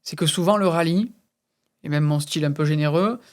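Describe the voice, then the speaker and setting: A man's voice: fairly high pitch, a little fast. A man from France as a guest on an interview, talking casually and hesitantly, with many fillers and repeated words. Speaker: guest racing driver and instructor.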